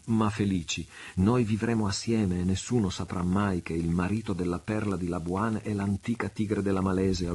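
A fervent young noblewoman, anxious and devoted, voiced by a man whose reading is deep and husky, pushed a little higher and louder for her lines. The intensity keeps climbing as she speaks, in a story read aloud. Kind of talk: audiobook reading.

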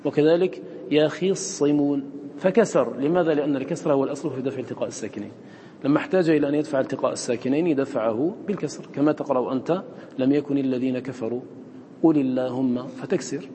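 Man teaching recitation, mellow, reverberant. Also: medium pitch, a little hiss or hum. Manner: chants recited words slowly between fast explanations; checks on students with quick questions. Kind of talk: explaining Quran readings to students.

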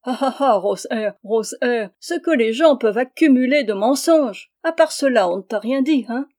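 A coaxing, jovial young man from an old novel, voiced by a woman reader. The tone stays warm and mellow, close to her own reading voice, a touch raised and livelier. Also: fairly high pitch, animated, moderate pace, voice pushed up, close to an everyday voice. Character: amorous young man, the storyteller himself.

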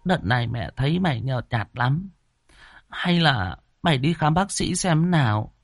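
A man's voice: on the high side, expressive, a little slow, dry recording, pitched above the performer's own voice. A man voicing an older mother who pleads tearfully and frets over her son in a ghost story reading. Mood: worried.

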